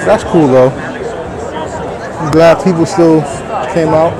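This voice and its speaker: A man's voice: a little high, animated, slow pace. A man talking casually through a face mask in laid-back slang, hosting a walk-around vlog. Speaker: vlog host. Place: large busy indoor convention hall, walking. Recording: noisy, crowded convention floor. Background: crowd chatter and hall noise.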